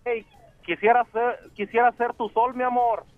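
A man's voice: very high-pitched, flat delivery, moderate pace, narrow, tinny audio, a crowd in the background. A man, a truck driver calling in to tell an easygoing joke, acting out a crying kid. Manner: easygoing storyteller, acts out crying. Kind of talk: telling a joke on a call-in show.

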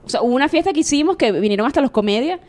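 A woman, a sports journalist chatting casually on a podcast and telling lively stories. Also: high-pitched, very fast. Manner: lively storyteller, acts out friends' voices.

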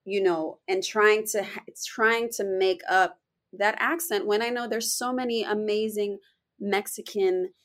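A young actress of Puerto Rican heritage, with a Puerto Rican accent and a medium-pitched, slightly slow voice, talks earnestly and animatedly in a casual interview. She fills her speech with many "you know"s.

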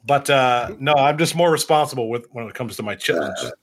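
A man's voice: medium pitch, sing-song, brisk, a little hiss or hum. A man in his thirties hosting a podcast in casual chat, laughing often and rambling with restarts. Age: 30s. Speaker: podcast host.

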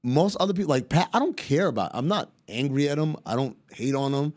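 A man's voice: on the high side, animated, a little fast, a little mellow. A man who is a guest on a basketball podcast, telling a long anecdote in casual chat, acting out quoted dialogue and swearing casually.

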